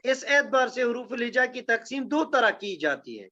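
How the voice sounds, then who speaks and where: Very high and very animated, the man's voice has a sharp edge. He teaches Quranic Arabic grammar through recitation in class, going step by step and checking on his students over and over, on a dull lo-fi recording.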